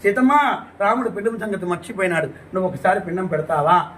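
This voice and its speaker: A man's voice: high voice, brisk, fairly bright tone, slight background noise. A man voicing the spirit of a dead old king in a told story, pleading in a raised voice.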